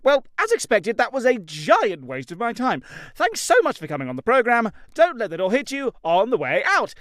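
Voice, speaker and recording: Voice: mid-range voice, huge pitch swings, moderate pace, a bit bright, no room sound, studio quality. An actor voicing a vain, manic little robot core who hosts a talk show with theatrical sarcasm and mock voices. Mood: sarcastic. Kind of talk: animated comedic show hosting.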